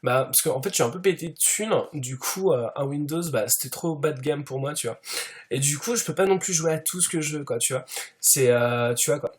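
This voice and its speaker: Man, slightly high voice, comedic parody monologue, smug show-off, heavy fillers. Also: brisk. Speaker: YouTuber.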